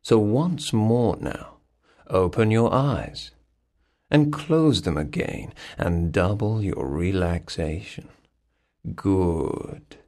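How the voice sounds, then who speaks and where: A man guiding a hypnosis session, giving soothing, repetitive suggestions to relax deeper. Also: expressive, very slow, darkish tone.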